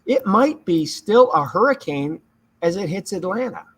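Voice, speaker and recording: A man with a somewhat high voice hosts a live storm broadcast. He talks through the radar in an emphatic, explanatory way, repeating key points as he goes. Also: big pitch swings, normal speed, fairly bright tone, slightly rough. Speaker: severe weather livestreamer. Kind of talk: live hurricane commentary over radar.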